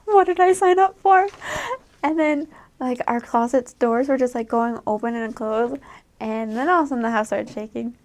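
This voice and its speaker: This is casual advice talk from a young American returned missionary whose voice is on the high side and moves at normal speed. She's chatty and laughs often, acting out the voices in her quotes.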